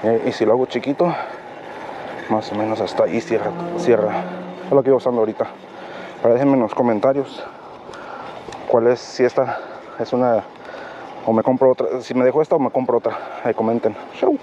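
This man keeps a steady tone and medium pitch as he vlogs on a nighttime city bike ride, speaking learner's Spanish haltingly with plenty of fillers; his first language is English. The bike-mounted action camera gives dull audio with traffic and road noise behind him.

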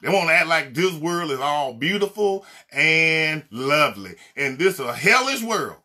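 Male evangelist, Mississippi Southern accent, tense and forceful tone, raised pitch, fiery and blunt delivery. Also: very animated, measured pace. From Mississippi, USA. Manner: fiery, blunt, emphatic, repeating refrains. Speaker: evangelist minister. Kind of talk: impassioned social media sermon.

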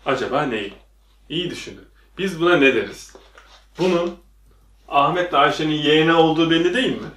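A male English teacher stands at a whiteboard in a classroom, firing repeated questions at the viewers. He talks briskly in a fairly high, slightly bright voice, and the echoey room makes him sound distant.

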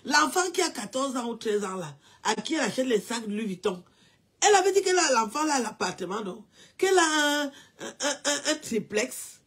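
A woman in a casual mocking rant, mixing teasing questions with drawn-out mock wailing. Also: high-pitched, very animated, fairly bright tone, husky. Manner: mocking, with drawn-out mock wailing and repeated sing-song cries. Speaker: commentator.

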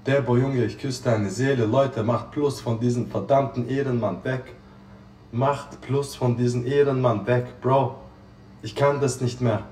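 A man's voice: medium pitch, steady tone, unhurried, darkish tone, a little hiss or hum. A young man chatting casually on a livestream in effusive, exclamatory street slang with English interjections, recorded on a phone a step away indoors. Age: young adult. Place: small living room with kitchen, indoors. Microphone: phone propped up a step away. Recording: roomy sound, distant phone mic.

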